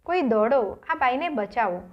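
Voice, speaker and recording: A woman's voice: fairly high pitch, lively intonation, normal speed, muffled recording, natural voice. A woman reading a desperate pious village man. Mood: urgent. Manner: urgent calling, earnest prayer.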